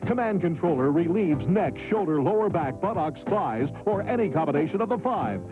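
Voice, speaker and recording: High-pitched male infomercial pitchman over music. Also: expressive, brisk. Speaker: infomercial announcer. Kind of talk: upbeat infomercial sales pitch. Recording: muffled TV audio, music behind. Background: music bed.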